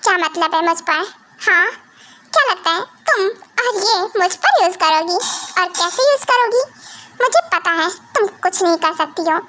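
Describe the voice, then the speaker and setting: Girl putting on a curt bossy mafia guy, still super high and bright, fan dub. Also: expressive, moderate pace, slight background noise, full character voice. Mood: cold. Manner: curt, commanding, dismissive. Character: cold, bossy young mafia husband, man.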